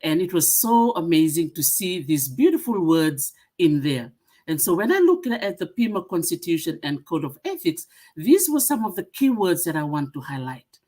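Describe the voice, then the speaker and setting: A middle-aged woman from Fiji giving a webinar presentation, pausing often with "uh" as she lists her points. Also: lowish voice, very animated. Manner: many "uh" fillers, warm greetings, listing points. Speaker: museum association secretary-general speaker.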